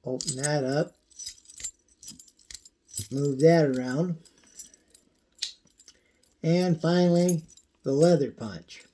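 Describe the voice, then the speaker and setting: A man giving a casual, folksy how-to demonstration, his voice thin and squeaky from a coming cold. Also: warm tone. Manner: folksy, unhurried, frequent throat clearing. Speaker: video host demonstrating pocket knife care.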